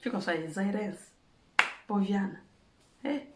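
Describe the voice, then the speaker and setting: Speaking from a home in Germany, this Angolan woman offers passionate, emphatic counsel in a monologue, her Angolan Portuguese accent clear. Her pitch is medium with lively intonation, she takes her time, and the roomy recording carries some background noise.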